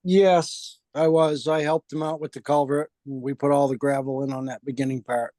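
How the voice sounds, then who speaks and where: A club member at a meeting giving short, matter-of-fact answers. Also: male voice, fairly high pitch, level tone, moderate pace, warm tone.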